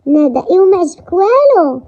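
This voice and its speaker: A woman's voice: extremely high pitch, sing-song, quick pace, pitched above the performer's own voice. Playful young Moroccan dressmaker, read by a woman. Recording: dull lo-fi recording.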